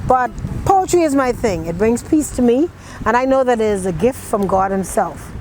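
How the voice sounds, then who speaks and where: Higher-pitched Bahamian woman poet. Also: animated, moderate pace, background noise. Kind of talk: reciting dialect poetry and talking about her writing.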